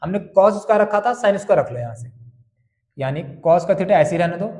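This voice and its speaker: High-voiced maths tutor. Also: male voice, lively intonation, brisk, darkish tone. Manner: asks and answers his own questions, calling students bhaiya and beta. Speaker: maths teacher. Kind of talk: board-exam tutoring lesson.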